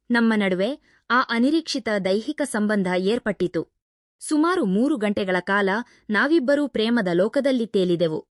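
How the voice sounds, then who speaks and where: A woman narrates a first-person story at a mid pitch, in a steady, even storytelling read. The sound is dry and close, with no room around it. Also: no room sound.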